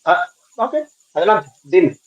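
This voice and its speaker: A man's voice: high-pitched, sing-song, slow, breathy edge, highs cut off. A man, a preacher, speaking hesitantly with many fillers in an online debate. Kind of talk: debate participant.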